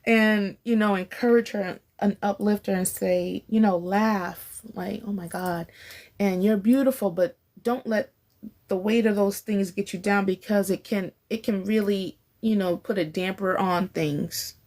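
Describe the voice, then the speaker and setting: A woman in her forties talking casually and warmly encouraging others on a faith-based podcast, often laughing between thoughts. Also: mid-range voice, fairly even intonation, a little slow. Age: 40s. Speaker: podcast speaker.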